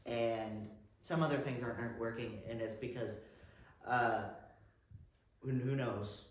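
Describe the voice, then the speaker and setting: A man's voice: mid-range voice, steady tone, measured pace. Rambling young man in an echoey room. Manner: rambling, restarts, searching for words. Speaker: podcast co-host. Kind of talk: casual podcast chat. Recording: very echoey room with faint noise.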